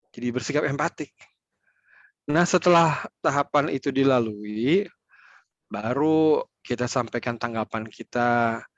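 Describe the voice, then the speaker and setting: A man's voice: on the high side, no echo, lo-fi sound. A man giving an online training talk, explaining step by step and repeating key points for emphasis.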